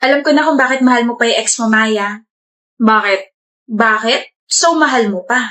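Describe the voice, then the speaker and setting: High-voiced woman in teasing skit banter. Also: fast talker, fairly bright tone. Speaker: skit creator. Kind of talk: scripted comedy skits.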